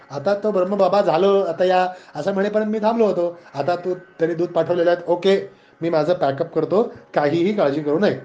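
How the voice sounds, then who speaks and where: A man with a Marathi accent giving a devotional discourse, chanting verses slowly and then retelling the story in lively, joking everyday talk. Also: high voice. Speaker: spiritual discourse speaker. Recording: dull lo-fi recording.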